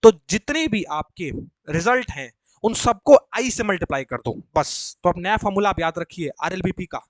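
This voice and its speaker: A man's voice: high voice, expressive, normal speed, dry recording. A male chemistry teacher explaining to students in a live class, chatty and coaxing, often repeating points and quizzing them. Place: coaching classroom.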